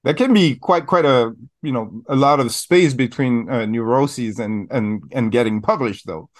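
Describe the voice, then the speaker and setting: A man's voice: mid-range voice, normal speed. Formal man hosting with many fillers. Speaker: podcast guest host. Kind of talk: interview hosting.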